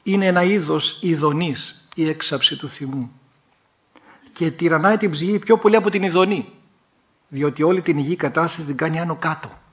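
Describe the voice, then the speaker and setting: A male priest giving a sermon in a fairly high voice. He preaches with animated delivery and sudden rises in pitch, mixing in humorous asides.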